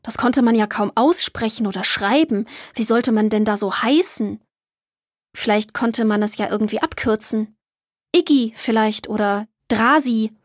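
Expressive female storybook narrator, slightly high, dry booth sound. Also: moderate pace, dry recording. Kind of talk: children's audiobook narration.

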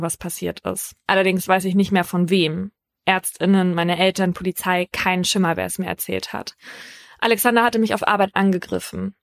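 A woman who works as a care worker tells her own story in a calm, matter-of-fact first-person narration. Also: medium pitch, no echo, clean studio sound. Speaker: care worker in a youth facility.

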